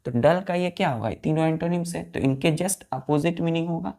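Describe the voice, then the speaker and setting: A woman's voice: low-pitched, brisk, warm tone. A woman teaching English vocabulary to children, spelling each word letter by letter and repeatedly asking them to say it back. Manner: mixes Hindi explanations with English words. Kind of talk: classroom-style vocabulary lesson.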